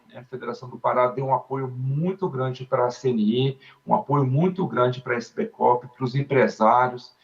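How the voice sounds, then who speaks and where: A man's voice: mid-range voice, vocal fry, lo-fi sound. A man with a Brazilian Portuguese accent speaks as an industry panelist, explaining at length and often ending phrases with a questioning "né". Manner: explanatory, often tags sentences with "né". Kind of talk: panel discussion.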